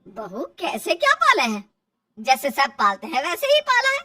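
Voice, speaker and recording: A woman voicing a stubborn, old-fashioned mother-in-law who talks loudly and dismissively in a storybook tale. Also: sits high, huge pitch swings, moderate pace, no echo, clean studio sound, heavily acted. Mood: scolding. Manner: loud, scolding, dismissive.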